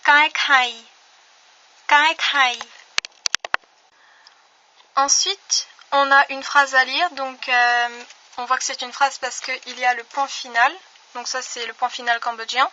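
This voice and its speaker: A woman teaching an online language lesson, pronouncing each word slowly and carefully and repeating it several times. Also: high-pitched, level tone, sharp tone, lo-fi sound, a little hiss or hum.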